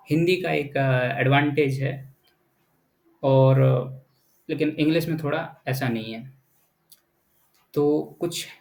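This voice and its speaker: A man explains a lesson in a patient, repetitive way, often stopping to check that the listener follows. His voice sits at an ordinary middle pitch. It rings with the echo of a bare room. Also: darkish tone. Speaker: teacher. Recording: echoey room.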